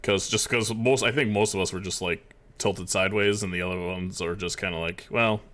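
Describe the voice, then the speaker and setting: Low-voiced man casting esports. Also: fairly even intonation, fairly quick, a bit bright. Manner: rambling, casual, chatty. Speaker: esports caster. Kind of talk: live esports commentary.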